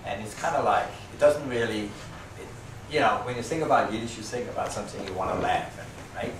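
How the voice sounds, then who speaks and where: A man's voice: fairly low pitch, a little fast, distant mic. Man, Danish accent, loose rambling party introduction, picked up from across an echoey room, faint hiss. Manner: rambling, self-deprecating, many fillers and restarts. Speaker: musician introducing a poem reading. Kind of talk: informal spoken introduction at a party.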